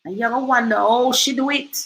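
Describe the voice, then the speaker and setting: A Jamaican woman hosts a livestream, handing out emphatic, preachy motivational advice and switching into patois. Her voice is fairly high with fairly even intonation and a fast pace, on a low-quality recording.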